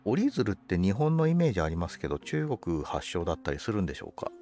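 A man's voice: low-pitched, big pitch swings, quick pace, mellow, soft background music. A man commentating on a game for a livestream, politely musing aloud to himself in casual chat. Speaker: game streamer.

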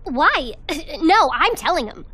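A woman's voice: very high-pitched, very animated, takes it slowly, bright, forceful tone, heavily acted. A woman voicing an eager, insistent teenage girl.

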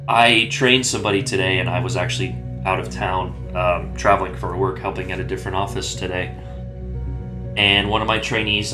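A man talking casually as a gaming YouTuber, rambling and often restarting or correcting himself mid-sentence. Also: low-pitched. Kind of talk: casual commentary.

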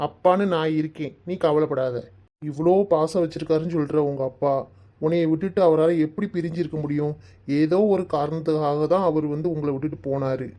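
A woman doing a low-voiced cartoon village father, kind and joking. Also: warm tone, lightly acted. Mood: consoling. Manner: soothing, fatherly advice and comic storytelling. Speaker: father figure. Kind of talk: Tamil cartoon voice acting.

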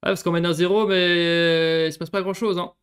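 A young man giving casual gameplay commentary as a YouTuber, swinging from excited yelling to low, cursing mutters. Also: moderate pace, smooth. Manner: swings between excited yelling and muttered grumbling, swears often. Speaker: gaming YouTuber.

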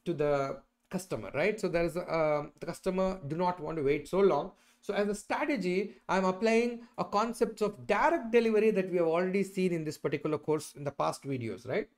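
A man with a higher-pitched voice presents a software tutorial, explaining by screen share while sitting indoors at a computer. He checks in often with "right?" and "okay."

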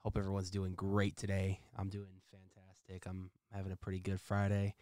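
A man's voice: sits low, monotone, normal speed, warm tone, dry recording, clean studio sound. Laid-back man on a headset stream mic. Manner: upbeat, laid-back, tags phrases with "man". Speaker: livestream gaming host. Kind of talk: casual stream chat.

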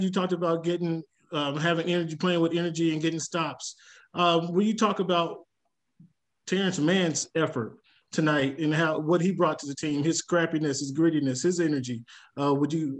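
A man's voice: on the high side, fairly even intonation, brisk. A man reporter asking a rambling, stacked question over remote video call audio. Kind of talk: press conference question.

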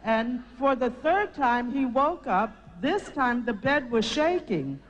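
An older woman telling a personal testimony as a lively storyteller. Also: a little high, takes it slowly, muffled recording, a little hiss or hum. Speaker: testimony speaker.

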